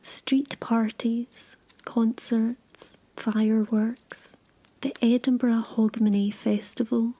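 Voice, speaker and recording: A woman narrating a scripted sleep story in a hushed, breathy whisper, soothing and unhurried. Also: fairly high pitch, flat delivery, rough recording.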